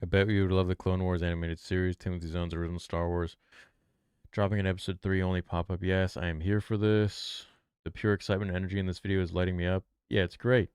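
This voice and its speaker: A man's voice: low-pitched, flat delivery, fast talker, a little mellow, clear, resonant tone, dry recording, clean studio sound. A man streaming live, reacting casually and reading chat aloud in a laid-back, slangy way.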